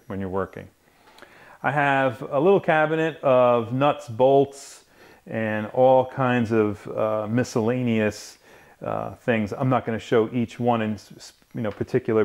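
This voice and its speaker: Rambling man touring his workshop. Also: medium pitch. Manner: relaxed, rambling, many fillers and restarts. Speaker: woodworking channel host. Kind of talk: casual shop tour. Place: two-car garage workshop.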